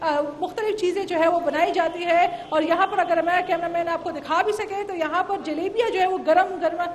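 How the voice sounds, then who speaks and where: Very high-voiced woman field reporter. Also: steady tone. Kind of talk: on-location report. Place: busy food market.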